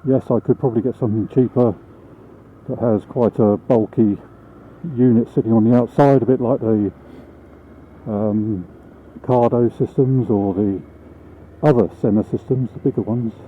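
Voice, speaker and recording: Talking in a steady, mid-range voice at a moderate pace with long pauses, a British motorcyclist delivers a relaxed vlog monologue on the road. A small mic inside his helmet gives phone-like sound full of vehicle and road noise.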